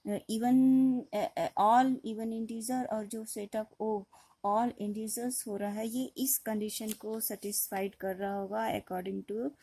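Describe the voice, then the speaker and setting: Lady maths teacher going step by step, husky and kinda gravelly, dry close sound. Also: mid-range voice, warm tone, low-quality recording. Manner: explains step by step, asks the class questions and answers them herself; mixes in English terms, with fillers and restarts. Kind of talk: classroom lecture.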